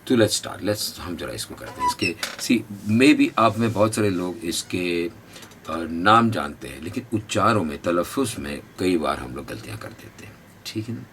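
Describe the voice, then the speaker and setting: A man's voice: deep voice, wildly swooping pitch, measured pace, a bit bright, a little hiss or hum. A man with a North Indian accent teaching English pronunciation, repeating each word for the learners to copy. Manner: drills pronunciation by repeating words. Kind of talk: spoken English lesson. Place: classroom or institute.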